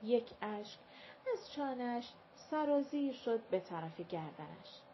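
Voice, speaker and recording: A woman reading a novel aloud in calm, measured scripted narration. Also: a little high. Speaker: audiobook narrator. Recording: dull lo-fi recording with faint hiss.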